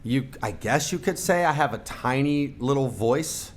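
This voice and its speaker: With a medium-pitched, expressive voice at normal speed, a man from the United States appears as a guest on a casual podcast on behalf of a percussion company. His talk is rambling and self-deprecating, full of fillers and restarts.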